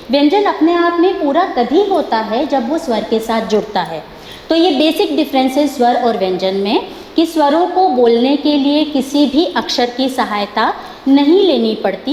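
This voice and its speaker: A woman teacher with an Indian accent, explaining a lesson slowly, drawing out sounds to show pronunciation and checking that the class understands. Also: sits high, darkish tone. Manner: mixes English words into her talk. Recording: echoey room with long reverb, faint hiss.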